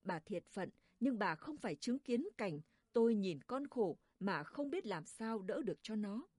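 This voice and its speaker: Woman reading old dad crying to his late wife, soft sad voice, husky and dark. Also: medium pitch, expressive, measured pace, no echo, clean studio sound. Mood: grieving. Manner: quiet, tearful lament to his late wife. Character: grieving old village father, widower.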